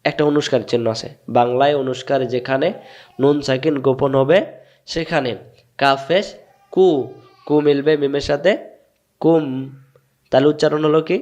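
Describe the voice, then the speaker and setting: On a muffled recording, a Bangladeshi man speaks in a slightly high, darkish voice with fairly even intonation. He gives a patient, step-by-step Quran recitation lesson in a Bangladeshi Bengali accent, slowly repeating each sound several times and answering the questions he raises.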